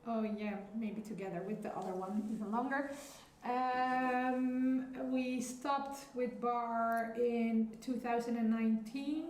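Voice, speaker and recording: A woman who is a DJ, club founder and label owner chats casually during an interview. Her voice is a little high and slightly mellow, with a steady tone, a slow pace and few pauses. The room is echoey, with faint background noise.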